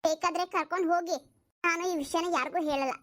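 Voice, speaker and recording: A woman's voice: very high-pitched, steady tone, fast talker, a bit bright. Woman voicing a defensive young stepmother. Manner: defensive, pleading her innocence. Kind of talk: cartoon voice acting.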